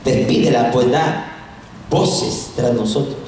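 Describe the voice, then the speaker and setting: A male preacher voicing grumbling, annoyed male disciples in a low, exasperated tone, recorded from far off in an echoey church. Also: takes it slowly, a little mellow, a little hiss or hum, natural voice. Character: annoyed grumbling male disciples wanting her sent away.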